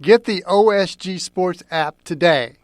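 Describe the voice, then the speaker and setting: With music in the background, a high-voiced American man hosts a sports show, taking his time as he covers college football news and previews. It's a partly scripted sports round-up from a radio host.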